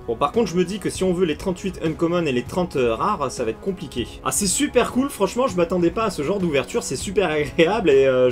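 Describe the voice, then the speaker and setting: A man with a slightly raised pitch chats through a card unboxing, casual and excitable. He bursts into eager exclamations as each card appears, while soft music plays faintly underneath. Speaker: card collecting YouTuber.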